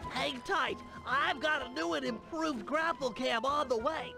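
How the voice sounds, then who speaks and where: High, nasal, nerdy turtle inventor. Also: male voice, measured pace, vocal fry, full character voice. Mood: reassuring. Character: nerdy young male turtle inventor, earnest, eager. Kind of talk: cartoon video game acting. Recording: game music behind the voice.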